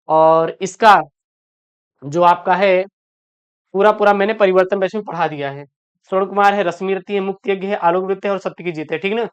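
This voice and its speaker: On dull-sounding audio, a woman with a lowish, clean voice teaches an online exam-prep lesson. Addressing her students as "beta," she reads every question out, frequently repeats it, and answers it quickly while explaining.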